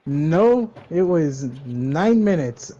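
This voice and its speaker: A man's voice: a little high, very animated, very slow, dark tone, highs cut off. A young man co-hosting a podcast, chatting casually with a laid-back, teasing, slangy manner. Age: young adult. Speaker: podcast co-host. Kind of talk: casual chat.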